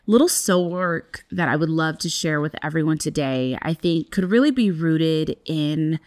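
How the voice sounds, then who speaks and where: A woman in her thirties hosting a podcast, guiding a breathwork practice in a soft, calm and gentle manner. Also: low-pitched, moderate pace. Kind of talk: soft, soothing guided wellness talk. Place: small furnished indoor room, seated. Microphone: close podcast microphone on a boom arm.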